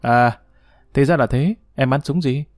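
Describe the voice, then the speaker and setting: A man's voice: mid-range voice, measured pace, darkish tone, no echo, clean studio sound, close to an everyday voice. A man voicing a confident, jovial young hero who speaks with an assured, persuasive manner in an audiobook story.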